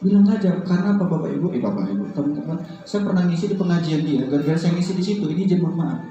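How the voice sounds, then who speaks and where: A man preaching to a training group, keeping it lively with questions he answers himself and short acted dialogues. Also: on the high side, rapid-fire, slight background noise. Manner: lively, fires questions at the audience and answers them; acts out little dialogues in other voices. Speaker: Islamic preacher. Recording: dull, echoey hall with faint music.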